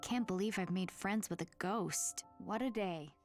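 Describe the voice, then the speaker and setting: An actress playing a plucky, friendly teenage girl in a video game dub, earnest and clearly spoken. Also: mid-range voice, unhurried, soft background music, close to an everyday voice. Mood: friendly, curious.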